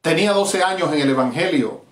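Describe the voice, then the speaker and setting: This middle-aged pastor from Venezuela speaks slightly fast in a fairly high voice, his words echoing through a reverberant space. He preaches a passionate evangelistic sermon on a live stream, hammering points home through repetition.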